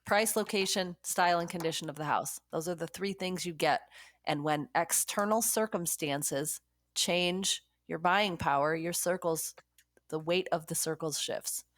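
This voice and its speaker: Lowish-voiced woman with a stuffy nose. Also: a little slow, a little hiss or hum. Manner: blunt, swearing. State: sick with a cold. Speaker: podcast co-host, real estate agent. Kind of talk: casual podcast chat.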